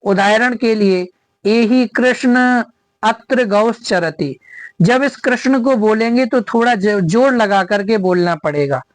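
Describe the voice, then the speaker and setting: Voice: medium pitch, normal speed, few pauses, dry recording. A teacher giving a grammar lesson, repeating each definition and checking in with rhetorical questions.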